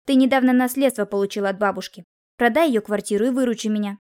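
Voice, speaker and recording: A demanding, sharp-tongued woman in a fix, read by an audiobook narrator, nagging and cajoling with a fairly high voice. The lines come quick and emphatic, full of reproach. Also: close to an everyday voice. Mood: insistent. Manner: demanding, scolding, then wheedling. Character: scheming woman in trouble, pushy. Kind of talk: audiobook character reading.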